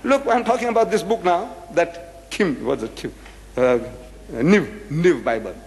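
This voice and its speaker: An older man giving a public religious lecture, emphatic and lively, repeating and acting out phrases as he argues. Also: high voice, a little slow, long reverb tail.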